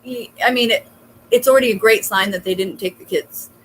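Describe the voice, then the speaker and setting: A woman's voice: mid-range voice, brisk, a little hiss or hum, rough recording. A woman hosting an online interview, giving casual, supportive advice in a chatty way with plenty of fillers, heard over a video call. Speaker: host.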